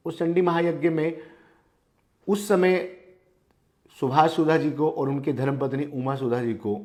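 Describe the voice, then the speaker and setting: A man's voice: medium pitch, darkish tone. A man presenting local news commentary in an emphatic, repetitive manner, stressing phrases by restating them.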